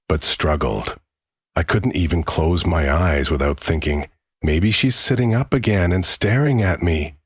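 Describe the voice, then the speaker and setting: A man narrating a scripted first-person horror story in a measured way, with dramatic pauses. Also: rumbling low, slightly rough, dry recording, clean studio sound.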